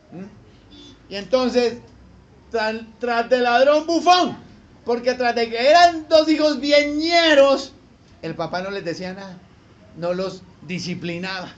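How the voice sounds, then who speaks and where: A man preaches a sermon, his voice pitched high and swinging up for emphasis. He works the room with rhetorical questions and acts out the people in his stories. The recording sounds a little dull and lo-fi, with faint noise underneath. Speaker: pastor.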